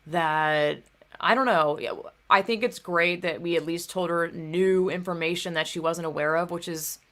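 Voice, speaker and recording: A woman's voice: fairly low pitch, moderate pace, a bit bright. A young woman vlogging in a casual, heated monologue, swearing often and filling her talk with "like" and "dude.".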